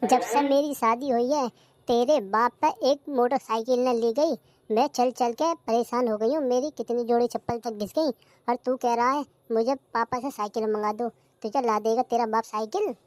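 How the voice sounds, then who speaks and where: A woman voicing a demanding, sharp-tongued village wife in a cartoon comedy, with a bossy manner. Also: on the high side, fairly even intonation, moderate pace, no room sound, close to an everyday voice. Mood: complaining.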